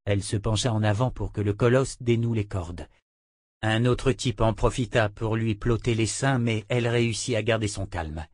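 A man narrating an audiobook in a measured, even storytelling manner. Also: fairly low pitch, dry recording, clean studio sound.

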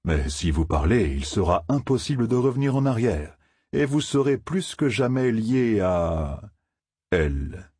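A man voicing a cautious old traveling gleeman in an audiobook, giving advice in slow, weighty phrases. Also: fairly low pitch, very animated, dark tone, breathy edge, no room sound, clean studio sound, full character voice. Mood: grave. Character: old traveling gleeman, cloaked, measured and wary.

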